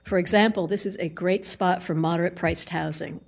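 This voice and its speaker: A woman gives a prepared public comment in a lowish voice. It has a clearly husky, rough edge. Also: steady tone, brisk. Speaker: resident giving public comment.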